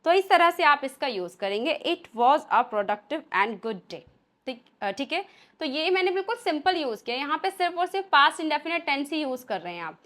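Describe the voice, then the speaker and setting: High, bright Indian woman teaching. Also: very animated. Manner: explains step by step, slows down to read example sentences. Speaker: English teacher. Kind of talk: spoken English lesson.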